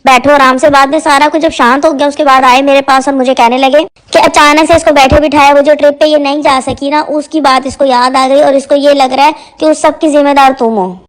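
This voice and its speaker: High-voiced woman telling a family story. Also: fairly even intonation, fairly quick, hardly any pauses, low-quality recording. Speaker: vlogger. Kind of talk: casual storytelling.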